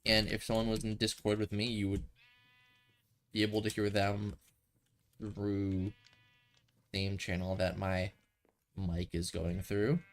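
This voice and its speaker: A young man with a cold-stuffed nose streams a building game, speaking slowly and monotonously in a fairly low voice with long pauses. His gameplay commentary into the desk mic is casual and rambling, like thinking aloud.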